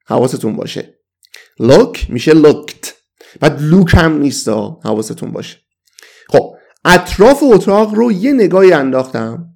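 Gravelly-voiced man teaching English vocabulary. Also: fairly high pitch, very animated. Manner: slow, deliberate repetition of example sentences. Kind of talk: recorded vocabulary lesson.

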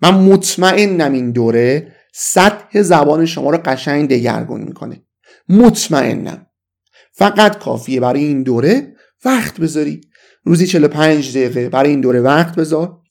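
This Persian-accented man leads a relaxed, upbeat English vocabulary lesson and slows down whenever he says the English phrases. He sounds on the high side, expressive, with some creakiness.

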